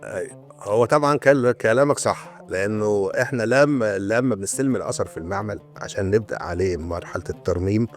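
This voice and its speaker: An Egyptian man in his sixties speaks quickly in a fairly low voice. He explains his old trade at length in a relaxed interview, pausing and restarting his sentences. Faint music sits underneath. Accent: Egyptian Arabic. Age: 60s. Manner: storytelling, explaining with many hesitations and restarts. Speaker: guest, retired antiquities restorer. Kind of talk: casual interview talk.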